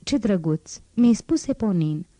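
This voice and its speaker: A teasing, wistful young street girl speaks in a soft, mellow voice, as a woman reads her part in an audiobook. The sound is close and dry, with no room around it. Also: mid-range voice, expressive, dry recording, lightly acted. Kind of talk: audiobook reading.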